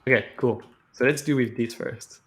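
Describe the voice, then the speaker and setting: A man streams live on a video call, chatting his way through a relaxed coding walkthrough and tentatively thinking aloud. His voice sits at a medium pitch, and he talks at a moderate pace.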